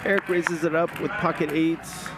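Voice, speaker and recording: A man giving hushed, low-key poker commentary, calling hands and bets. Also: flat delivery, moderate pace, over loud music. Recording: very noisy background ambience.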